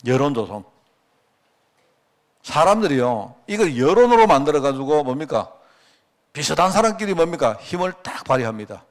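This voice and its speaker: A man's voice: fairly high pitch, big pitch swings, moderate pace, long pauses. A middle-aged male pastor giving a conversational sermon at a prayer meeting, asking the congregation rhetorical questions and telling anecdotes. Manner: acts out quoted dialogue.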